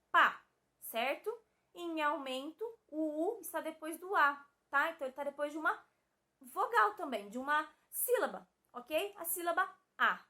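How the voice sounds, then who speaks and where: A young woman teacher with a Brazilian Portuguese accent and a high, bright voice. She explains the lesson patiently, one step at a time. She keeps checking that the students are following. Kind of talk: recorded video class.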